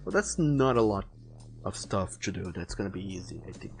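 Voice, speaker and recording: This male streamer, working on illustrations for a visual novel, talks loosely through his art plans, wandering and rewording his thoughts with music playing behind him. His low voice is very animated and brisk.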